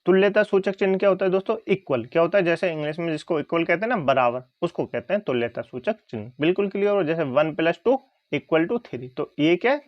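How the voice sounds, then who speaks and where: A male teacher giving an exam-prep lesson, who asks his own questions and then answers them, rising on each check and dropping low on the answer. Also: no echo, dull audio.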